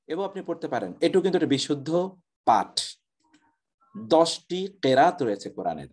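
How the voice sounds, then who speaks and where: A male professor giving a classroom lecture, explaining step by step and slowly reciting Arabic words as examples. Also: on the high side, darkish tone.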